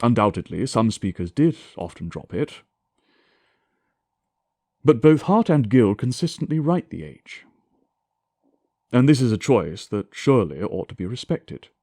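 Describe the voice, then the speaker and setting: A man giving a scripted scholarly lecture in a formal, deliberate, declamatory way, with emphatic enunciation and touches of reconstructed Shakespearean English pronunciation. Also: mid-range voice, sing-song, dark tone, no room sound, clean studio sound.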